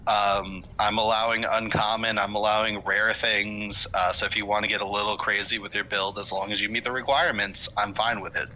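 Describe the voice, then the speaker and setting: A man explains the game to his players in a loose, rambling way, full of fillers and restarts. His voice sits low but sounds very bright and forceful, and he keeps hiccuping. Faint background noise sits under the voice call. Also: level tone, fairly quick, few pauses, poor audio. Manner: rambling, lots of fillers and self-corrections. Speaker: game master. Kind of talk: casual session-zero chat with players.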